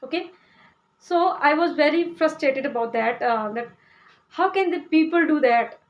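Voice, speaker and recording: With a high voice, lively intonation, and a normal speed, a young woman from Uttar Pradesh, India, who speaks Hindi talks to camera about learning English. She's casual but hesitant, often saying "uh," starting over, and asking "okay?".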